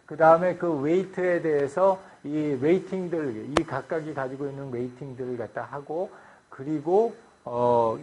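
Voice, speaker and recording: A man giving a university lecture, explaining a design process step by step, with frequent fillers and English loanwords. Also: fairly high pitch.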